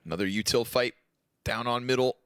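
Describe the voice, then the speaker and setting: A man doing fast, excited play-by-play commentary on a match, with jokey asides. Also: medium pitch, background noise. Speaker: esports caster.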